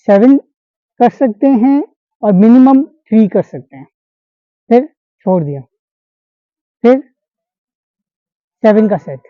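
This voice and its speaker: An acupressure instructor teaches a class in a high-pitched voice, demonstrating pressure points on a volunteer and checking that his students are following along. The sound has no echo but is dull and lo-fi.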